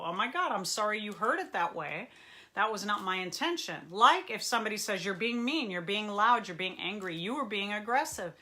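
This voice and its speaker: A middle-aged woman, a therapist, talks straight to her livestream viewers in an animated, joking way and answers their comments as she goes. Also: medium pitch. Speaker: therapist hosting a live Q&A. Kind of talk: live-stream talk to viewers. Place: room in front of a bookshelf and ladder.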